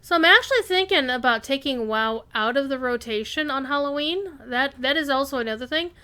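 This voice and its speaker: A woman's voice: high-pitched, animated, brisk. A woman game streamer giving casual live commentary, musing and thinking aloud as she plays. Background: soft game music.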